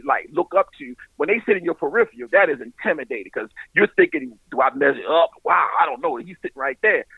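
A middle-aged man, a stand-up comedian, telling stories in casual animated chat, laughing often and talking in loose street slang. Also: on the high side, creaky, husky, dry recording. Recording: phone-like radio line.

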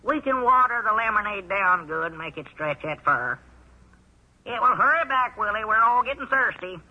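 A man playing an excitable, simple-minded country storekeeper and deputy marshal, with a twangy drawl and a habit of malapropisms. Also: normal speed, breathy edge. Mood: riled folksy. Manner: high twangy drawl, malapropisms, easily riled. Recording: dull lo-fi old radio recording.

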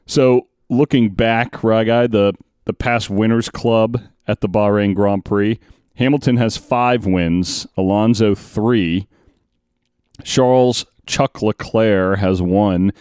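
A man co-hosting a casual sports podcast, chatting and reading out race stats quickly. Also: on the low side, steady tone, darkish tone, clear, resonant tone, no room sound, clean studio sound. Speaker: podcast co-host.

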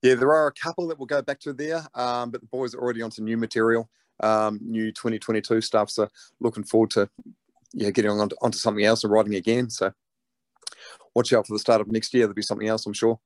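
A man's voice: lowish voice, level tone, fast talker, no echo, clean studio sound. A man with a broad New Zealand accent chatting casually in an interview, laid-back and matey. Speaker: interviewed rock band lead singer.

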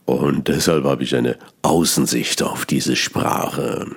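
A very deep-voiced man from Bern, Switzerland, whose first language is Bernese Swiss German, muses slowly with fairly even intonation and a slightly rough tone. A radio host and satirist with a Swiss German accent, he delivers a philosophical radio column that digresses, restarts, and is dotted with "ähs."

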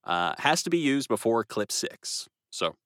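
A man hosting a casual podcast guessing game, explaining the rules in a lively, playful way. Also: mid-range voice, a little slow, no echo, clean studio sound. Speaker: quiz host.

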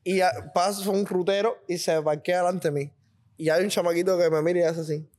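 A man's voice: high-pitched, fairly even intonation, darkish tone. A man from Cuba hosting a podcast, asking questions and telling his own anecdotes in casual interview chat. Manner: quick, chatty questioning with acted-out anecdotes. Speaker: podcast host.

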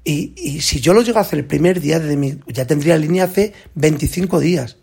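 A man from telling a rambling, excited story, constantly repeating "I said" and "he said". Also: a little high, fairly quick, creaky, breathy edge. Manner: rambling, repeats "digo" and "dice"; excited and exclaiming. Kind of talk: casual spoken rant.

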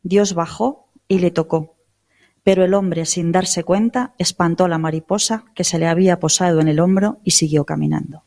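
A course participant reading a short parable aloud to the group in a measured storytelling way. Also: medium pitch, steady tone, darkish tone.

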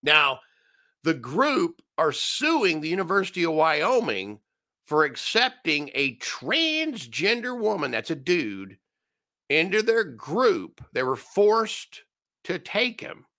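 Guy ranting sarcastically on his show, bright edgy voice, bit higher pitch. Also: very animated, slow. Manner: sarcastic, ranting, mocking asides. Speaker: commentary show host. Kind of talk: opinionated solo commentary.

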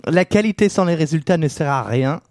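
A man's voice: on the high side, expressive, brisk, darkish tone, no room sound, studio quality. A man on a casual podcast, telling football history in a loose storytelling way, with many fillers and jokes. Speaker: podcast co-host.

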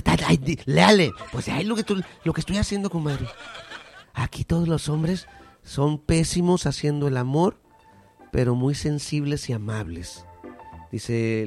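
A man's voice: mid-range voice, gravelly. A man voicing two bawdy, gossiping middle-aged women friends with a Mexican accent in a comedy sketch, trading teasing banter and breaking into cackles and squeals. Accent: Mexican Spanish. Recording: music playing behind the voice.

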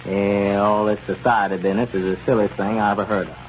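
In a 1930s radio serial, an actor plays a sensible small-town man who is plain-spoken, wry, dryly doubtful, skeptical and amused. His fairly low voice has little pitch movement, moves fairly quickly and is lightly acted. The old radio recording is dull and noisy.

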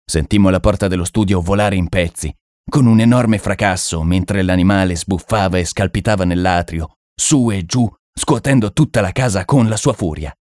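A man narrating a horror story in a measured, dramatic audiobook reading. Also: sits low, darkish tone, dry recording, clean studio sound.

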